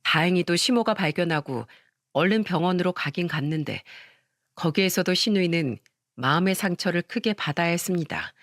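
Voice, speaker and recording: A woman reading a scripted first-person story in an even storytelling manner. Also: fairly low pitch, moderate pace, no echo, clean studio sound. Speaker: story narrator.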